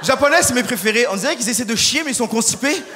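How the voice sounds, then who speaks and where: A young man doing a stand-up set for a live crowd on a hall stage, energetic and quick, often shouting and putting on voices. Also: very high-pitched, noisy background. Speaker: stand-up comedian. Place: large hall on stage before a live audience. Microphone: stage microphone. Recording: live hall recording with long reverb.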